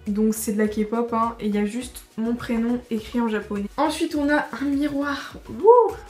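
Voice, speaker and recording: A woman's voice: on the high side, fairly even intonation, normal speed. A teenage girl chatting casually through a tour of her bedroom, rambling and full of fillers. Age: teens. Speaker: vlogger giving a room tour. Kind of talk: casual chat. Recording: roomy bedroom echo, faint music.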